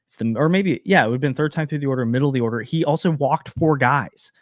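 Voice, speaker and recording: A man co-hosting a casual sports podcast, hedging a lot with fillers and quick restarts. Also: medium pitch, dry recording, clean studio sound. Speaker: podcast co-host.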